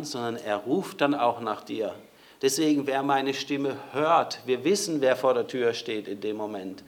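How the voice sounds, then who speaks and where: A man preaching a sermon in a conversational way, speaking directly to his listeners. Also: mid-range voice.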